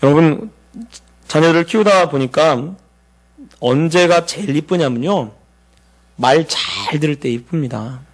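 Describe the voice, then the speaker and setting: Korean pastor preaching in a warm, chatty way. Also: male voice, a little slow, pauses often. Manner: conversational preaching with homey family anecdotes; acts out quoted dialogue in a softer lower voice. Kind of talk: sermon.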